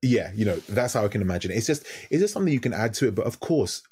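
A man's voice: lowish voice, animated, racing, darkish tone, breathy edge. A man in his thirties, a guest DJ, talking in a casual podcast interview over a video call, reflective and searching for words. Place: home room with lit wall.

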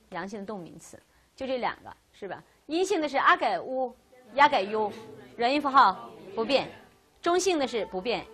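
A woman teaching a Russian grammar class, lecturing lively and asking questions she answers herself. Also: fairly high pitch, husky.

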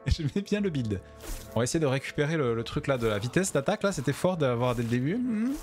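A man's voice: medium pitch, very animated, brisk, darkish tone, faint music behind. A tired man streaming a game from home, chatting with his viewers and tripping over his words. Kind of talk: casual gameplay commentary.

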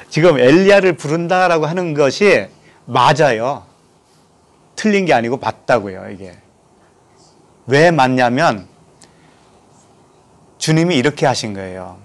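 A man from Korea preaches a sermon in a medium-pitched voice. As a pastor, he reads scripture aloud and questions his listeners. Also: lively intonation, slow, long pauses.

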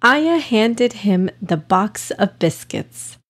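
A woman reading a children's story aloud as host of a kids' podcast. She takes a slow, unhurried pace and shapes each line expressively, her pitch medium. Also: very animated, breathy edge. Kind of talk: storybook narration.

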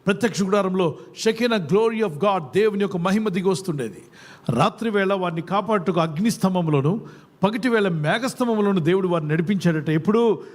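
At a church service, a pastor with a high voice preaches briskly, quizzing the congregation and pressing them to answer aloud in call-and-response fashion.

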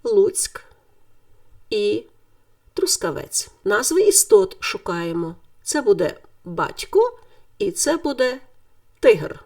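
A woman teaching a Ukrainian grammar lesson in clear, deliberate scripted speech, stressing the word endings. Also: mid-range voice, recorded from a distance.

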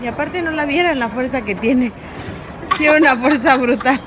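Playful high-voiced woman vlogging on the go. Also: moderate pace, background noise. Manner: playful, teasing and chatty. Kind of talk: casual travel vlog. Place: cafe, airport and airplane cabin. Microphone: handheld phone camera. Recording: loud music and crowd behind.

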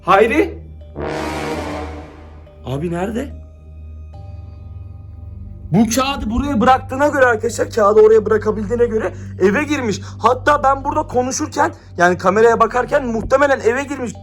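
High-voiced frantic young man vlogging. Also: expressive, normal speed, long pauses, soft background music. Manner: frantic, exclaiming, keeps addressing viewers. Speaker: YouTuber. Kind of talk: staged excited vlog. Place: his home, indoors. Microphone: handheld camera.

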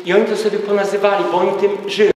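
A man's voice: high-pitched, level tone, rapid-fire, slight background noise. A man lecturing to a live audience in an emphatic way, throwing out rhetorical questions. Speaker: speaker at a gathering. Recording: echoey hall from far off.

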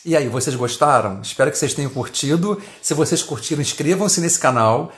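A Brazilian man with a Brazilian Portuguese accent, teaching English grammar from film clips, who repeats the English phrases slowly and deliberately. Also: fairly high pitch, lively intonation, slightly rough.

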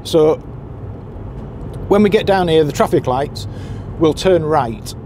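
Behind the wheel, a boat skipper's guide gives anglers practical, chatty directions in a fairly high, darkish voice at a slow pace. The casual commentary is backed by car and road noise.

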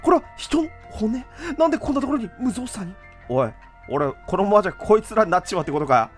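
A man giving animated let's-play commentary in rough, casual speech, often laughing. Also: sits high, fast, music in the background. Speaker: game streamer.

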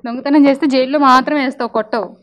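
High-voiced chatty young woman anchor. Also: fairly even intonation, racing, fairly bright tone. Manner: chatty, teasing, talks to kids in a friendly way. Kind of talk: playful interview with children.

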